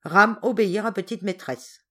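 A woman voicing a devoted adult male servant who talks in slow, clipped, broken French. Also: mid-range voice, big pitch swings. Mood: stubbornly loyal.

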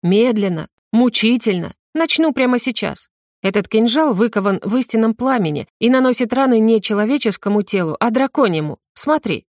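A woman's voice: a little high, animated, normal speed, darkish tone, dry recording, studio quality, lightly acted. A woman playing a silky scheming witch queen. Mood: gloating. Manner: silky, condescending, impatient. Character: scheming powerful female witch leader.

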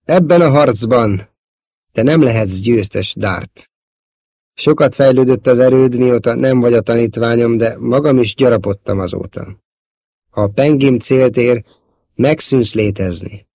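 A man voicing a wise, calm old male Jedi master, speaking slowly and solemnly. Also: mid-range voice, dry recording, clean studio sound, close to an everyday voice.

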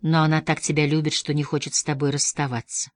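Woman doing a brisk, cheery district nurse. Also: sits low, level tone, no echo, close to an everyday voice. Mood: coaxing. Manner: professionally cheery, coaxing.

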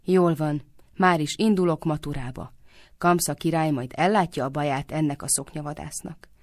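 A woman doing a grumbling, slow-witted young husband. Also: low-pitched, no echo, clean studio sound, lightly acted. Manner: complaining, slow on the uptake.

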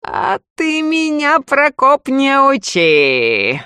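A woman's voice: a little high, expressive, a little slow, no echo, clean studio sound. A woman voicing a toothless, one-eyed male village sorcerer, drawling and taunting in a storybook reading.

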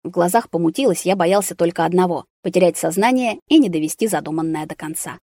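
Low-voiced woman narrating a novel. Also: quick pace, dark tone, no room sound, clean studio sound. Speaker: audiobook narrator. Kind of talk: scripted narration.

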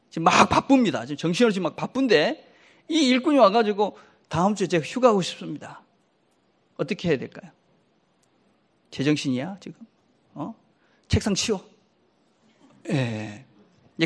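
A male pastor preaching a sermon to his congregation. His voice sits high for a man and swings widely as he acts out everyday quoted remarks. He keeps turning to his listeners with short questions as he speaks. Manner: animated, acts out quoted lines with sharp pitch jumps; checks in with the congregation often.

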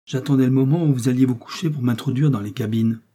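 A man's voice: mid-range voice, fast talker, mellow, slightly rough, lightly acted. A man reading an adventure novel, voicing a clever captive detective who pleads and whines to fool his captors. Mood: pleading. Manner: pleading, whining. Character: captive male detective, cunning, feigning fear.

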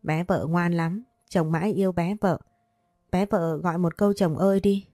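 A woman's voice: fairly low pitch, steady tone, moderate pace, dark tone, no room sound, studio quality, faint music behind, lightly acted. A woman voicing a doting, possessive older man who speaks tenderly but bossily to his young lover in a storybook reading. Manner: tender, teasing, bossy.

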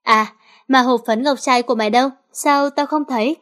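A woman's voice: high voice, normal speed, fairly bright tone. A woman voicing a cheeky teenage girl who plays pranks on her friends, teasing with feigned alarm.

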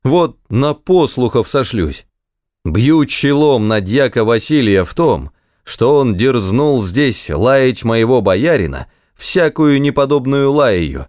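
A man voicing a proud, loyal old servant who pleads in a slow, trembling voice. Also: mid-range voice, very animated, darkish tone, no room sound, clean studio sound, pitched above the performer's own voice. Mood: pleading. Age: older.

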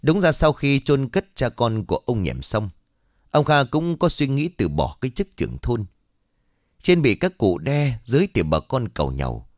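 A man narrating a ghost story in an expressive, dramatic storytelling manner. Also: medium pitch, normal speed, no room sound. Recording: dry voice over faint music.

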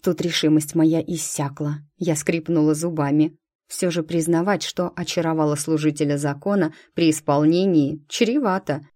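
A woman narrating a first-person fantasy audiobook in an even, measured way, recorded on a close studio mic. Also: sits low, no room sound.

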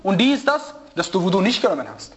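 A man with a high, sing-song voice teaches a religious lesson to students at a quick pace, with crowd noise behind him and the highs cut off. He is emphatic and repetitive, returning to key phrases, asking frequent rhetorical questions, and sometimes searching for words.

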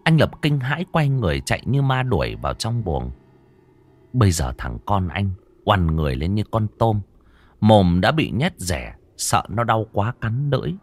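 A man's voice: lowish voice, sing-song, moderate pace, dry recording. A man narrating a scripted ghost story in a dramatic, suspenseful way.

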